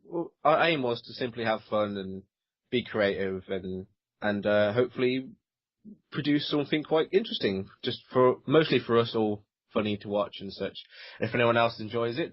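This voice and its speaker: A man's voice: medium pitch, normal speed, no room sound. A man co-hosting a gaming podcast, talking casually with many fillers and restarts. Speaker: podcast co-host. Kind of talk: casual chat. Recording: dull lo-fi voice recording.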